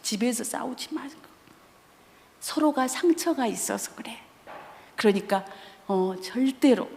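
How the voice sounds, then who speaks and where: Lively woman preaching in an echoey hall. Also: medium pitch. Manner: lively, blunt, acts out quoted voices with comic timing. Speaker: guest speaker, counseling professor. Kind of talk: sermon with anecdotes. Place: church sanctuary.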